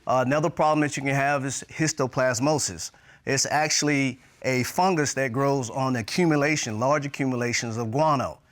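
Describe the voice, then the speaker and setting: A man's voice: medium pitch, steady tone, normal speed, a bit bright. A middle-aged man giving explanatory testimony as an expert witness.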